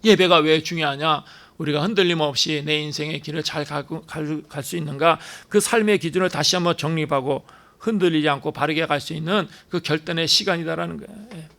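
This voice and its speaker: A man's voice: a little high, steady tone, fairly quick, vocal fry, a bit bright. A male pastor preaching a sermon, emphatic, asking rhetorical questions and dropping in short affirming "yes" interjections.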